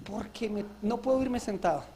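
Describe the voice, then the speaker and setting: A male pastor giving a live church sermon, fervent and exhorting, breaking into shouts and joking asides. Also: sits high, moderate pace, slight background noise. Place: church service.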